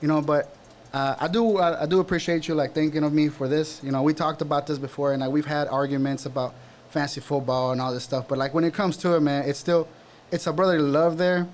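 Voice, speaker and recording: A man's voice: a little high, fairly even intonation, fast talker. A man from El Salvador in his thirties co-hosting a casual sports podcast, chatty and teasing. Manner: laid-back, chatty, teasing. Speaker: podcast co-host.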